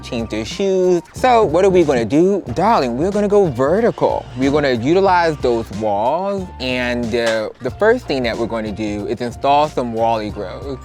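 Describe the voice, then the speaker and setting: Male makeover host and plant expert: campy, playful, theatrical emphasis, music underneath. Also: medium pitch. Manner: campy, playful, addresses people as darling and honey. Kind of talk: upbeat makeover show presenting.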